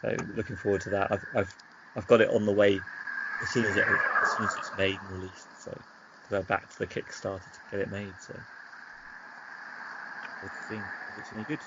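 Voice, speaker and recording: A man with a fairly low, flat voice talks at a normal speed but stops often. He's co-hosting a podcast, rambling and hesitant as he chats casually about games. The recording sounds dull and lo-fi, with faint noise.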